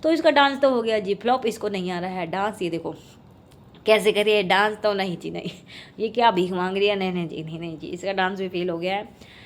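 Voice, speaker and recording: A woman's voice: medium pitch, brisk. A woman in her thirties narrating her family's day in a chatty, casual vlog. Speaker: family vlogger. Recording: faint background noise.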